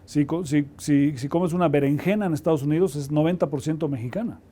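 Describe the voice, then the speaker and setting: A man's voice: a little high, a little fast, dark tone. A man explaining in an interview, restarting his sentences now and then. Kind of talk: interview answer.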